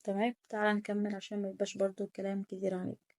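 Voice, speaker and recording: A woman's voice: mid-range voice, monotone, darkish tone. A young woman with an Egyptian Arabic accent, teaching German in a casual online lesson and coaching pronunciation with lots of repetition. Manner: rapid, repetitive coaching, drills pronunciation aloud.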